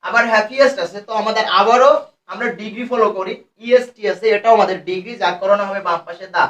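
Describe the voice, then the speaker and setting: A Bangladeshi man teaching English grammar. He explains each rule step by step and reads the example phrases out slowly. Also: high voice, a bit bright, muffled recording. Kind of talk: grammar lesson. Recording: echoey room, mic at a distance.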